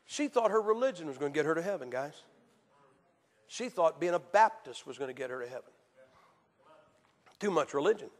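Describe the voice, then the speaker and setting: A man preaching a sermon, telling stories with acted quotes and swinging from loud to hushed. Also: on the high side, animated, a little fast, pauses often. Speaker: evangelist preacher. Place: church. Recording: hall reverb.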